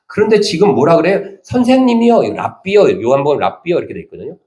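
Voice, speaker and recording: A male pastor delivers a sermon with a lively, swinging voice that sits a little high for a man. He acts out quoted speech as he goes. His voice rings through an echoey church hall. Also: quick pace. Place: church sanctuary.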